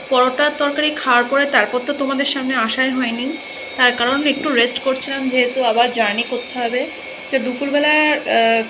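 A woman's voice: high voice, gravelly. A woman with a Bengali accent chatting to her viewers in a casual home vlog, addressing them as friends. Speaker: lifestyle vlogger. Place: home, partly on a balcony. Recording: loud background noise from a home. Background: fan and water pump machine noise.

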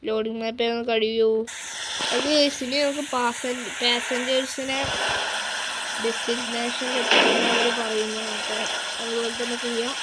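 A woman's voice: on the high side, fairly even intonation, moderate pace. A woman giving chatty, casual commentary while driving a bus in a video game, often crying out at near crashes. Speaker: gaming YouTuber. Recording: clear game vehicle noise under voice. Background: bus engine and traffic game sounds.

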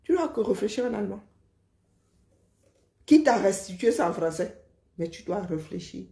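A woman lectures and mocks in a loose, animated rant. Her voice has a gravelly fry to it. The sound rings with a roomy echo. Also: mid-range voice, moderate pace. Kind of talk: casual live rant.

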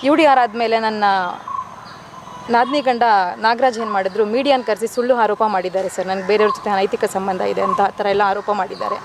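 Urgent, fast-talking woman pleading to reporters. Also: medium pitch, fairly even intonation, noisy background. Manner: urgent, pleading, keeps addressing the reporter as sir. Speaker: widow making a complaint to reporters. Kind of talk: news interview statement.

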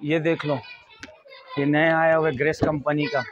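A man in his thirties with a Pakistani accent, giving an informal, repetitive sales pitch as a fabric shop salesman. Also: little pitch movement, moderate pace. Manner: repetitive, price-quoting salesman's patter. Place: small fabric shop indoors. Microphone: lapel mic. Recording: dull, muffled lo-fi audio.

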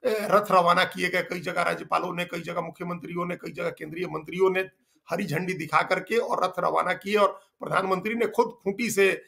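Bright, gravelly man explaining politics. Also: high-pitched, steady tone, a little fast. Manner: explanatory, emphatic, repeats phrases for stress. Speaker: political journalist. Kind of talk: political news discussion.

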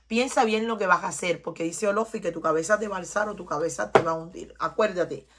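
Talking fast in a husky voice that is fairly low in pitch and fairly bright, this Cuban woman reads tarot for her viewers. Her Cuban Spanish accent carries an emphatic, preachy tone, and she frequently says things more than once.

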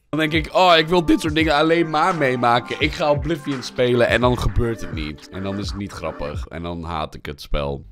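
A sick man with a low voice and a cough, chatting casually as a YouTuber reacting to funny videos. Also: moderate pace, faint music behind. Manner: lively reactions, pushes voice high when emotional.

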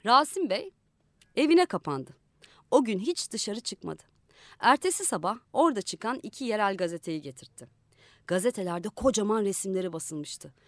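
A woman reading a literary short story aloud in a radio studio, acting out the characters with changes of pitch and loudness. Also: dry recording. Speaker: audiobook narrator. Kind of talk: scripted literary narration.

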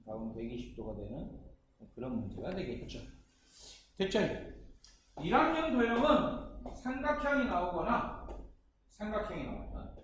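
High-voiced lively male math tutor. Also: moderate pace. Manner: keeps checking understanding with short questions; lively, chatty explaining. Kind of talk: exam-prep math lesson. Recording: echoey room with distant mic and noise.

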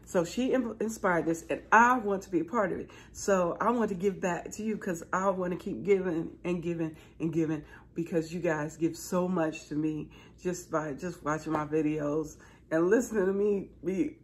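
A woman's voice: fairly low pitch, steady tone, moderate pace. A middle-aged American woman chatting casually to her subscribers as a channel host, in an exuberant, folksy manner, repeating words for emphasis. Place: small living room, indoors, seated on a couch.

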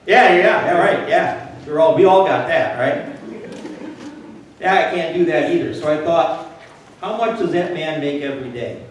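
A woman's voice: deep voice, expressive, moderate pace, long pauses, distant mic. A woman pastor giving a chatty, joking sermon and asking the congregation questions. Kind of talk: conversational sermon. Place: church sanctuary. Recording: very echoey church, voice off-mic, faint room hum.

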